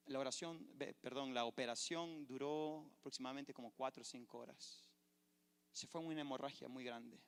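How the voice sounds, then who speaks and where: Fervent pastor in an echoey church. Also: male voice, medium pitch, smooth. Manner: fervent preacher, storytelling testimony. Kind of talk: sermon. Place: church sanctuary.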